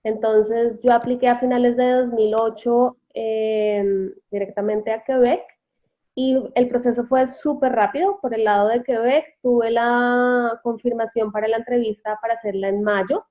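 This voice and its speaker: On a tinny call line, an immigrant woman from Bogotá, Colombia answers interview questions casually and unhurriedly. Her voice is on the high side with fairly even intonation, and she pauses to think, hesitates, and corrects herself.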